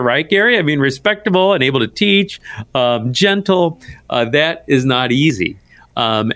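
Guy pastor on a radio show, easygoing teaching talk, average pitch, close dry audio. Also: a bit bright, no echo. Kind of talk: conversational Bible teaching on radio.

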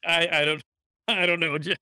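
A man's voice: a little high, fairly even intonation, normal speed, sharp tone, smooth, dry recording, studio quality. A man, a pastor co-hosting a casual faith podcast, talking in an easygoing way and laughing often. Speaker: pastor, co-host. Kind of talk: casual chat on faith topics.

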